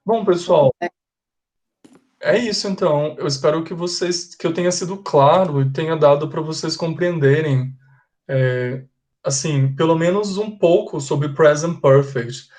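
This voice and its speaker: A man teaching English to a class, explaining patiently and slowly repeating example sentences. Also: fairly high pitch, darkish tone. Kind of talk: live online class.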